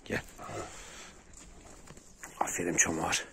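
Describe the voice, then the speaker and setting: A man vlogging outdoors near a valley, calmly coaxing and commanding his dogs with short soothing words. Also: slow pace. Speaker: dog owner vlogger. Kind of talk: casual outdoor vlog. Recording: noisy outdoor recording. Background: dogs barking.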